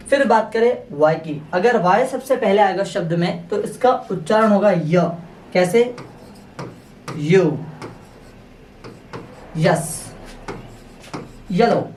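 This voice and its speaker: Guy teaching an english class, repeats words slow over and over, echoey room, sounds a bit far from the mic. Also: high voice. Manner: drills words by slow repetition; addresses viewers as friends, checks with "theek hai". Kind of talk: spoken English lesson. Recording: roomy echo, mic at a distance, faint noise.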